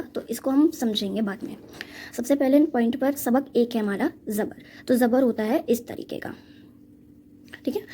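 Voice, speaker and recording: Woman tutor, kinda high but mellow tone, slow patient drills, keeps checking in. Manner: patient, repeats "ठीक है" and drills letter sounds slowly. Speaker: Quran reading teacher. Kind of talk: step-by-step recitation lesson.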